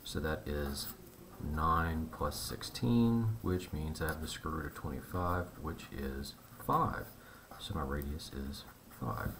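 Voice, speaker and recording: A man with a very low voice works through a math problem on a board, talking to students in a relaxed, chatty way. His explanation moves step by step. Faint background noise sits under his voice. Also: takes it slowly. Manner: relaxed, conversational explaining with fillers. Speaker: math teacher. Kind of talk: whiteboard math lesson.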